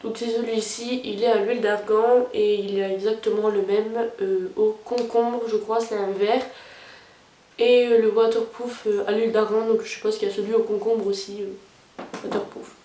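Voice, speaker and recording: A woman's voice: medium pitch, steady tone, normal speed, warm tone, recorded from a distance. A young woman talking through her makeup routine in a casual, hesitant way, with many fillers. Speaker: beauty vlogger. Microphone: camera mic at a distance. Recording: roomy sound, camera set back.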